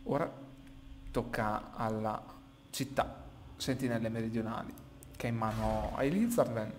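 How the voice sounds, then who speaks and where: A man's voice: fairly low pitch, fairly even intonation, measured pace. Man in an echoey small room. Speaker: gaming YouTuber. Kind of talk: casual gameplay commentary. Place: small room emptied of furniture, indoors. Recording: echoey small empty room, clear background noise.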